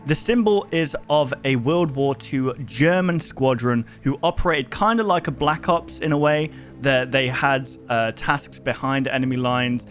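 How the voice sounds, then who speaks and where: A man with a mid-range, fairly bright voice hosts a horror book review video, recapping a story in a casual, conversational commentary style and often thinking aloud. Music plays behind his voice.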